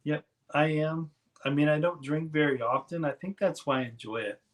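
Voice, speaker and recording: A man hosting a casual live stream, chatting in a relaxed, rambling way and reading viewers' comments aloud. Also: fairly high pitch, normal speed.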